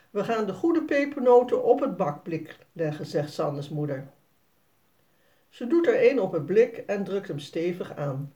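A woman reads a children's story aloud in a clear, gentle way. Her pace is slow and unhurried, and she sounds a little distant from the mic. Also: lowish voice.

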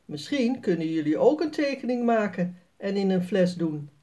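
A woman's voice: mid-range voice, animated, moderate pace, mellow, natural voice. A woman voicing a friendly adult male beachcomber in a children's story, explaining things in a kindly way.

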